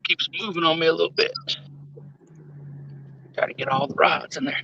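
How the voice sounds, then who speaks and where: A laid-back older man chats his way through a fishing livestream from a riverside boat, chuckling often. His voice sits a bit high for a man, and the stream audio comes through muffled and lo-fi. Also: normal speed, creaky, pushed and bright, slightly rough. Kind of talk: casual livestream chat.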